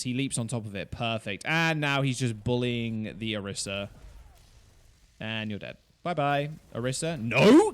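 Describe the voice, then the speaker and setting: A man casually breaking down a game replay, reacting loudly and swearing often as the plays unfold. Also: medium pitch. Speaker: esports streamer and analyst.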